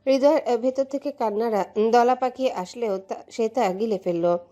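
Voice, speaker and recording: A woman narrating a romantic audio story in an emotive, steady way. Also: fairly high pitch, normal speed.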